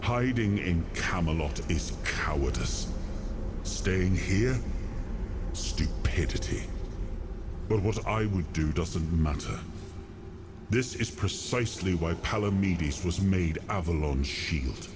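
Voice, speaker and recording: A deep, slow, commanding old king. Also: lively intonation, background noise. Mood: stern, scornful. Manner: grave, deliberate, regal. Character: weary, proud, commanding undead king of legend. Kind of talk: dramatic game cutscene monologue.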